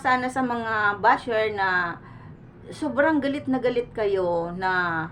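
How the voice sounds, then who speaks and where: Earnest woman vlogger, far from the mic. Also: mid-range voice. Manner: earnest, pleading, with many fillers and restarts. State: sweating from the heat. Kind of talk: casual reaction commentary to the camera. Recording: distant mic with faint room noise.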